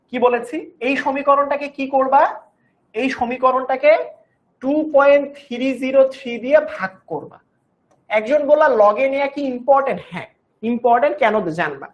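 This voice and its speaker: Patient woman teaching chemistry. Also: high-pitched. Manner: patient, repeats each step, coaxes students with "baba". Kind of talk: online class lecture.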